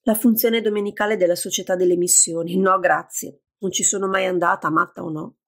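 A woman with a gravelly, husky voice voicing an irritable, stubborn older woman in a care home, in an audiobook. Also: on the low side, fairly even intonation, brisk, fairly bright tone.

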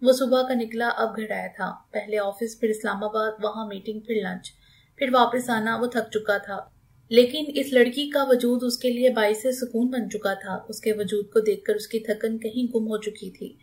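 A woman reading a romantic novel aloud as a scripted audiobook, steady and even. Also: on the high side, normal speed. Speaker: narrator.

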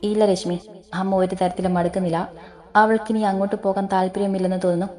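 A woman's voice: mid-range voice, flat delivery, quick pace, darkish tone, faint music behind, lightly acted. A woman voicing a grown son who grumbles with irritation. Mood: irritable.

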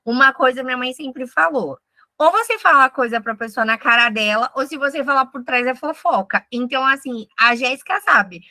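A woman, teaching a finance class on a video call in a frank, energetic way, firing off questions. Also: high-pitched, normal speed, dry recording. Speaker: finance trainer. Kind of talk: online group class.

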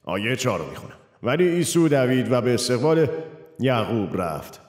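A man's voice: medium pitch, very animated, close to an everyday voice. A man voicing a preacher, delivering a sermon in an earnest, conversational way and asking the audience questions. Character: earnest middle-aged male preacher. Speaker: pastor. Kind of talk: dubbed sermon. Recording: echoey hall with faint music.

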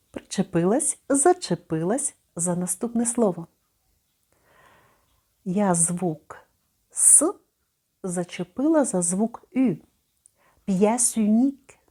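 A middle-aged woman giving a spoken lesson. She pronounces words slowly and carefully, and she repeats each one so listeners can copy her. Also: medium pitch, dark tone. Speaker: French pronunciation teacher.

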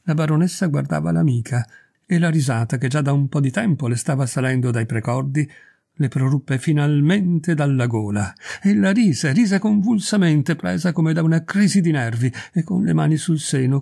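Man, story reader, gravelly texture, husky edge, measured and expressive. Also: on the high side. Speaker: narrator. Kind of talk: reading a short story aloud.

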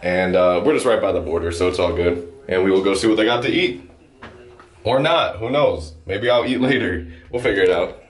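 A young man in his twenties talking casually to a handheld camera at arm's length as a vlogger, relaxed and rambling, in his car and around an event hall. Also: low voice, a little fast, a little hiss or hum. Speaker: vlogger and vintage clothing seller. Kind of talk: casual vlog talk to camera.

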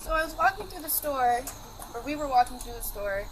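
A young woman talking to police outdoors, halting and distressed, caught on a body camera. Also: sits high, lively intonation. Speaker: person being questioned by police. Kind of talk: bodycam footage. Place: outdoors in a yard. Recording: noisy bodycam audio outdoors.

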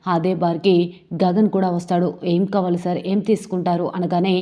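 Dark-voiced woman retelling a serial. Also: fairly low pitch, flat delivery, a little fast. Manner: narrates steadily, reading every character's lines in her own voice. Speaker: serial recap narrator.

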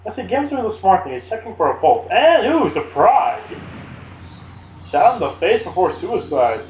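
A young man commentating gameplay in casual chat, excitable and loud, laughing often. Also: high voice, normal speed, lo-fi sound, slight background noise. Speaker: let's play commentator. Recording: echoey room with faint game music. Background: faint game music.

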